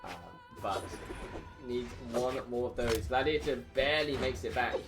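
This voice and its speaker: A man's voice: mid-range voice, normal speed. A man doing fighting game play-by-play as a tournament commentator, casual and hesitant, often repeating himself mid-phrase. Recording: game music behind the voice. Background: game music.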